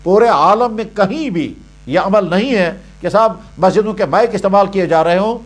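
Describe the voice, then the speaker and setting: In a religious question-and-answer sermon, an Islamic scholar with a high voice answers questions at normal speed. His guidance is didactic and emphatic, and he repeats points in parallel phrases.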